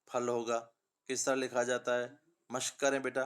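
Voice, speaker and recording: A man's voice: medium pitch, little pitch movement, clear, resonant tone. Male teacher tinged speech, patient, sing-song, calls pupils "beta". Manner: addresses pupils as beta, asks and answers own questions. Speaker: Urdu teacher. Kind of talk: children's reading lesson.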